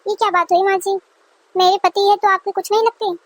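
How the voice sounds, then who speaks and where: Woman voicing a cartoon young wife, indignant and complaining, very high voice, dry close sound. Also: fairly even intonation, a little fast, no echo. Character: young newlywed wife, defiant and aggrieved.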